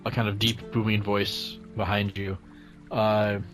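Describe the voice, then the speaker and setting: Low-voiced man running a tabletop game. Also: flat delivery, faint music behind, poor audio. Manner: hesitant, improvising with many pauses. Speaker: game master. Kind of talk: casual tabletop game narration.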